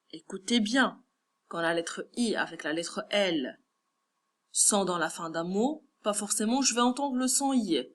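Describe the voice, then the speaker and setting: Speaking at medium pitch with a fairly bright tone, a Moroccan French-accented woman teaches first graders. She goes through lesson corrections patiently, breaking words into syllables.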